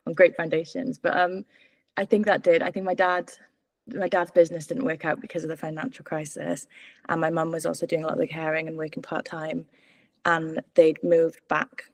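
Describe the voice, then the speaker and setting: A Welsh woman in her twenties who is running as a political candidate gives candid, hesitant interview answers full of fillers and restarts. Her voice is fairly low in pitch, and the recording sounds dry.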